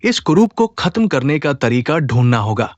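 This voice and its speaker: A man's voice: medium pitch, sing-song, moderate pace, no room sound, muffled recording, lightly acted. A man voicing a sneering clan schemer. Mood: scheming. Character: scheming male rival of a martial clan. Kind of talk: Hindi-dubbed short drama.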